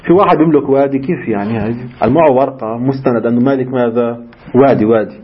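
Man, seminary teacher, brisk, answers his own questions, muffled lo-fi recording. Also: mid-range voice, crowd noise. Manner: asks rhetorical questions and answers them himself. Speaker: religious teacher. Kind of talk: seminary lecture in colloquial Levantine Arabic.

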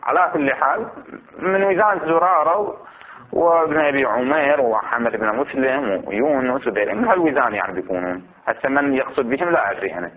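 A man teaching a religious jurisprudence lesson. He reads the text slowly, then explains it in a conversational way. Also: medium pitch, expressive. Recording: phone-like lo-fi audio.

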